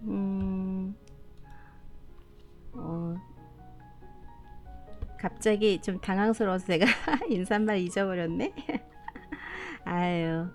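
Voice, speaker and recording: Middle-aged woman, live-stream host, motherly and chatty, unhurried delivery, soft music underneath. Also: medium pitch. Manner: motherly, calls viewers her children; chatty, laughs often. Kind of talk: casual live-stream chat.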